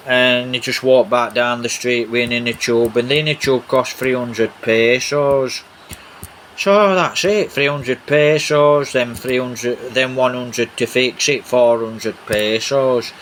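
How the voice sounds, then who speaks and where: Man rambling through a vlog, noisy background. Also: mid-range voice. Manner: rambling, repetitive. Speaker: vlogger. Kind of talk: casual narration over video footage. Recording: steady background noise, rain on roof. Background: rain on a roof.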